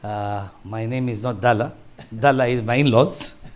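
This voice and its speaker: This Tanzanian man in his sixties has a medium-pitched voice and a moderate pace. Addressing a seniors group in a large hall as a guest speaker, he talks conversationally, wandering off and starting sentences over.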